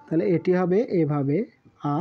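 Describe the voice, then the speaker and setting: A woman's voice: fairly low pitch, normal speed, faint music behind. A woman teaching a language lesson, sounding out each word syllable by syllable and repeating it several times. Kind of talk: slow spoken lesson with repeated drilling. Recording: dull lo-fi audio.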